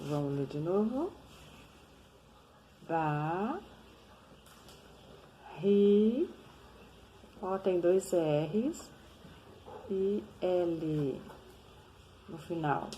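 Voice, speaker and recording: A Brazilian woman teaching reading, sounding out words syllable by syllable in a patient, drawn-out way. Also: low voice, warm tone, slight background noise, poor audio. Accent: Brazilian Portuguese. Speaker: literacy teacher. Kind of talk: slow syllable-by-syllable reading lesson.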